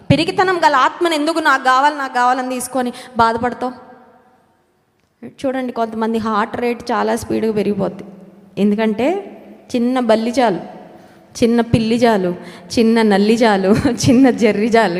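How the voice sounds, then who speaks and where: A woman's voice: a little high, darkish tone. A woman preaching a sermon who repeats key words for emphasis, puts questions to her listeners and slips English phrases into her talk. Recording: long hall reverb.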